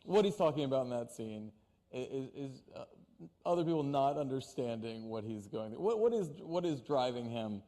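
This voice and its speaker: A man's voice: mid-range voice, animated, moderate pace, warm tone. A man interviewing actors on stage, asking questions with stammers and restarts. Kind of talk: onstage interview. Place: stage before an audience. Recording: reverberant hall.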